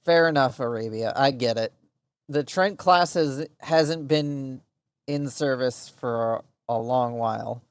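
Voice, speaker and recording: A man's voice: mid-range voice, measured pace, smooth, no echo. A man casually commenting on his strategy game during a live stream, rambling and muttering to himself with frequent swearing.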